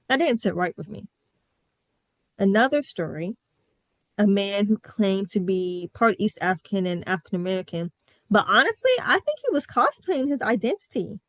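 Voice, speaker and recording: In a mid-range voice with no room sound, a young adult Midwestern woman hosts a podcast, recounting personal stories in a casual, outspoken and sassy way.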